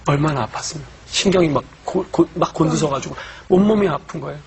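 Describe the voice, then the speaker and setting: A man, a church deacon, telling his personal faith testimony in an earnest, emotional way, going from hushed to loud. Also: on the high side, fast, vocal fry, background noise.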